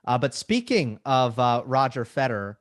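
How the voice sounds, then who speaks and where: A man hosting a casual tennis podcast, relaxed and joking, with lots of ums and uhs. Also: mid-range voice, moderate pace, no echo, studio quality. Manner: relaxed, filler-heavy, joking. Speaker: podcast host.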